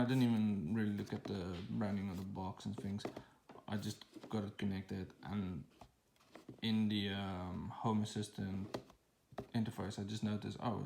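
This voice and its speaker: A man with a low, gravelly voice talks viewers through an unboxing in a loose, rambling way. His delivery stays flat and even, and it is full of "um"s and restarts. He sounds like he is recording on a phone held in one hand at home. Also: slight background noise. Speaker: tech channel host. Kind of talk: casual unboxing walkthrough.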